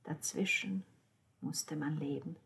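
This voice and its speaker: A woman reading a novel aloud as narrator, lifting her voice for the dialogue and dropping to a hushed tone in the narration. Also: low-pitched, slow pace, gravelly, husky. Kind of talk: audiobook narration.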